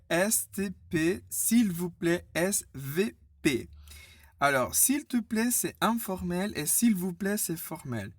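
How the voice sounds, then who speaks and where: A woman teaching a beginner French class who spells words out letter by letter in a patient, deliberate way. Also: lowish voice, dry recording, studio quality. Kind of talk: slow, clear beginner language lesson.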